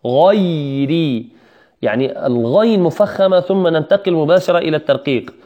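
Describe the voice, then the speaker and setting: Man giving a recitation lesson, higher voice, drags out syllables to demo, dull lo-fi sound. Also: expressive. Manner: repeats syllables slowly and draws out words when demonstrating; addresses students directly and asks them to repeat. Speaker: Quran recitation teacher.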